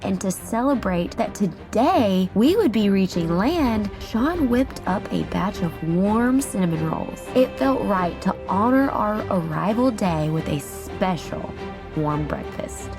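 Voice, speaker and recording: Woman narrating over clear music. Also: mid-range voice, lively intonation, a little slow. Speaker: sailor, vlog narrator. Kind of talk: scripted vlog narration.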